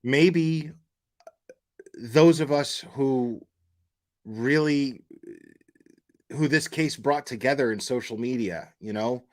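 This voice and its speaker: With a mid-range voice, he talks slowly and leaves long pauses as he hosts a casual true-crime livestream. Emphatic and opinionated, he curses bluntly and circles back over the same words and phrases until his point takes shape.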